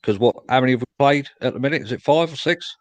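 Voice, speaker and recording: A man's voice: mid-range voice, quick pace, no echo, low-quality recording. A young man hosting a casual fan chat after a match, reading out viewer comments and answering them. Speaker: fan show host.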